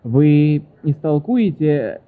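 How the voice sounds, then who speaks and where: A male preacher works through written questions in a sermon, stopping now and then to correct himself and apologize. His voice sits a little high, and the recording sounds thin and phone-like. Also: very animated, extremely slow. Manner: reads questions aloud and answers them, with frequent apologies and self-corrections.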